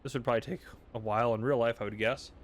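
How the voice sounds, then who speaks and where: A man's voice: medium pitch, steady tone, very fast, slight background noise. Chatty man narrating his truck game. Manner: chatty, self-deprecating, thinks aloud. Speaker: gaming channel host. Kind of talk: casual gameplay commentary.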